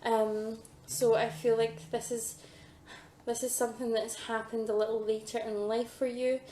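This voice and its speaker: A woman who is a psychic medium giving a pick-a-card tarot reading, hesitant with many ums, losing her voice and clearing her throat. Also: fairly high pitch, level tone, moderate pace, mellow, echoey room, slight background noise.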